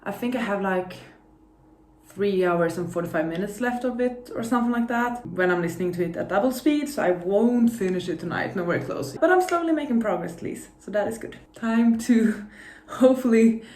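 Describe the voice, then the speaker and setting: A woman's voice: medium pitch, animated, moderate pace, darkish tone. Woman chatting casually in a rambling vlog. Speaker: reading vlogger.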